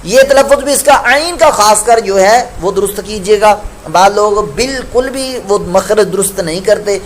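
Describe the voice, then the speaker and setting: A male Quran recitation teacher giving a patient lesson, explaining common mistakes and chanting each example slowly. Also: high voice, slight background noise.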